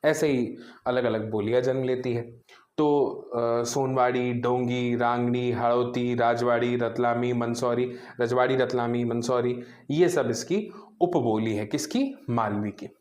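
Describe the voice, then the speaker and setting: A man's voice: medium pitch, steady tone, a little slow, darkish tone, echoey room. A man teaching an exam-prep grammar lecture, explaining step by step and answering his own questions.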